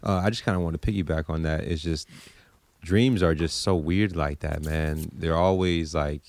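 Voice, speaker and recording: A man in casual conversation as a host, musing in a laid-back, halting way. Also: rumbling low, steady tone, a little mellow, no room sound. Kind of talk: casual chat.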